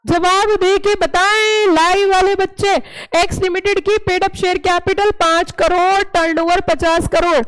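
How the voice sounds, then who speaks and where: A woman with a very high voice teaching a live classroom lesson. She is playful and animated and keeps quizzing her students with repeated questions. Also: a little slow, rough recording. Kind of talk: classroom lecture.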